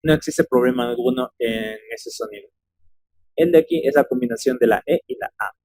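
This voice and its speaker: A man's voice: medium pitch, fairly quick, darkish tone, dry recording. A man teaching English phonetics in Spanish, explaining step by step and modeling sounds aloud one by one. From Ecuador. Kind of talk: phonetics lesson.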